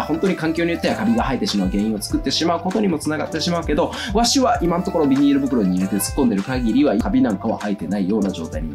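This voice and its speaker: A man in his thirties with an Okayama accent gives a casual review to camera, mixing old-fashioned dialect phrasing with polite turns. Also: medium pitch. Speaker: vlog host and clothing reviewer. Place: small furnished room indoors.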